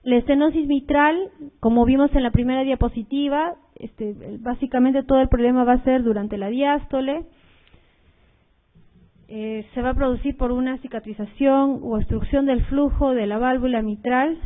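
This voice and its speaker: A woman's voice: high voice, fairly even intonation, moderate pace. A woman giving a recorded medical lecture, explaining slides with frequent fillers and repeated key points to her students. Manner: explanatory, uses fillers like "este" and "eh". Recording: tinny phone-like audio.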